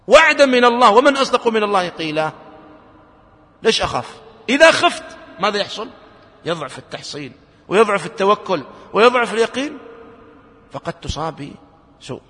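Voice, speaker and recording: A man's voice: high-pitched, bright, forceful tone, in a large hall. A man preaching a sermon in earnest, asking his listeners question after question.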